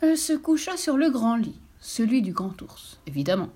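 A woman's voice: fairly high pitch, very animated, moderate pace, dark tone, slightly rough. A woman narrating a children's storybook expressively, sometimes dropping to a whisper.

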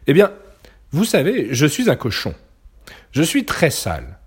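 A man's voice: a little high, wildly swooping pitch, unhurried, husky, heavily acted. A man reading aloud, voicing a clever, polite young male piglet who talks in a sly, coaxing way. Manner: sly, courteous, wheedling.

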